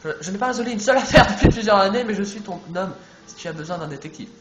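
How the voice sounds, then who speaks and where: A man's voice: sits high, expressive, racing. A man voicing a washed-up, boastful cartoon detective from a video game, reading the lines aloud plainly. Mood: glum. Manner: reads dialogue aloud plainly. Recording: echoey room, music behind.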